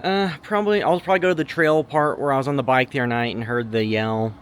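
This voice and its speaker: A man's voice: medium pitch, quick pace, close to an everyday voice. A man acting as a casual, skeptical amateur creature hunter in a found-footage horror film, muttering hesitantly to his camera. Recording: noisy location sound.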